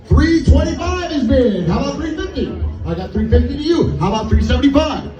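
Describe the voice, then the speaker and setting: A man's voice: very high-pitched, sing-song, fairly quick, mellow, dull audio. A man working as an auctioneer, calling bids in a chant of repeated numbers and filler syllables. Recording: echoey, distant mic with music behind.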